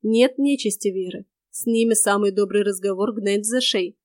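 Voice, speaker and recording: A stern young warrior, played by a woman, speaks in a lowered, curt voice. He sounds dismissive and hard. The sound is dry and close. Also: moderate pace, darkish tone, dry recording, natural voice. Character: stern young warrior man, hostile to spirits.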